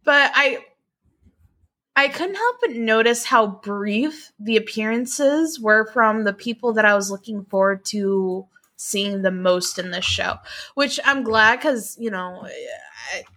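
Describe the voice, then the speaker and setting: Bright, animated woman in casual chat. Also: medium pitch, takes it slowly. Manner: animated, exasperated, laughs often, swears.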